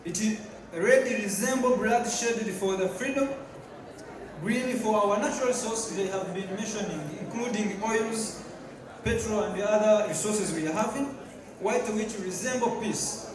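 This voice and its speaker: Guest speaker, man, halting speech with repeats, crowd noise behind. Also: high-pitched. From Tanzania. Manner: halting, with fillers and repeated words. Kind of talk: public speech. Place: large hall at a community event. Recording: echoey hall, distant mic, crowd.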